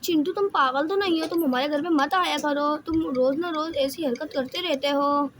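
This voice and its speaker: A woman's voice: high voice, normal speed, background noise, lightly acted. A woman voicing a hurt young girl in a cartoon, complaining about a boy. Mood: upset.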